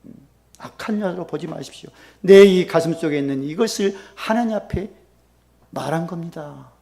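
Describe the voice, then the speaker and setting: A man preaching a sermon as pastor, acting out quoted prayers with sudden loud bursts and soft drops. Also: a little high, normal speed, creaky.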